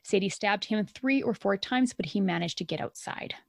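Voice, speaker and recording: A young adult woman recounts a true-crime case in a loose, chatty podcast style. She is blunt and indignant and swears freely, and her voice sits at an ordinary pitch. The sound is dry and close. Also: normal speed, creaky, dry recording. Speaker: podcast co-host. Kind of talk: casual true-crime storytelling.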